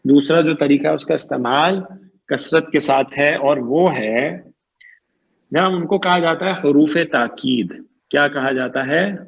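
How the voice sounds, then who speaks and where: A man's voice: a little high, vocal fry, highs cut off, slight background noise. A man teaching Arabic grammar in an online lecture. He stretches out key terms and keeps quizzing his students. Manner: repeats "ٹھیک ہے جی" and "صحیح ہے جی" often.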